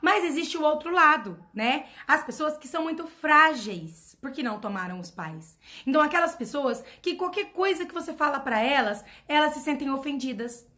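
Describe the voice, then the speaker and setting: A woman's voice: high voice, lively intonation, moderate pace, bright, forceful tone. A woman mentoring her followers in an emphatic motivational talk. She repeats her points and keeps asking rhetorical questions. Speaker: personal development mentor.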